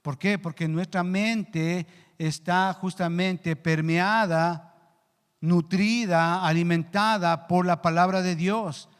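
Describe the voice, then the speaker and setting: A male pastor preaching a sermon earnestly, rising in pitch and volume for emphasis and slowing down on key words. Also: steady tone, smooth. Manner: slows down to stress key words. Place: church hall. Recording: long church reverb.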